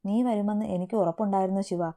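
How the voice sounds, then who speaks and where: Brief: woman voicing a loyal young man in an audio story, earnest and reproachful, very dark mellow tone. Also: mid-range voice, fairly even intonation, quick pace, natural voice. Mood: teasing. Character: young man, hurt but loyal brother figure.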